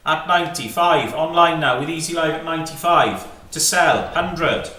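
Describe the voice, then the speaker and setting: A bright, forceful male auctioneer with a slightly raised pitch calls a live sale. He fires off clipped, repeated bid figures and brief prompts to the room. The sound is roomy and picked up from some distance. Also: moderate pace. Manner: clipped, repetitive number calling with short prompting questions. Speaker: fine art auctioneer. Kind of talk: live auction calling, rapid chanted bids and lot descriptions. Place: indoor auction saleroom. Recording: echoey saleroom, distant mic, faint noise.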